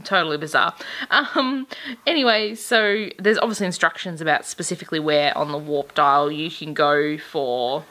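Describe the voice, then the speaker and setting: A woman's voice: sits low, moderate pace, pushed and bright. A woman co-hosting a casual toy unboxing, laughing often while she explains the instructions step by step. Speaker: toy review co-host.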